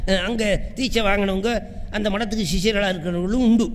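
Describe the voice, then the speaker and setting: High gravelly man preaching in an echoey hall. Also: steady tone, fast, slight background noise. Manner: keeps asking the audience if they understand; repeats phrases for emphasis. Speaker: devotional speaker and astrologer. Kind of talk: devotional sermon with chanted verse. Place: hall with a live audience. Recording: echoey hall with long reverb.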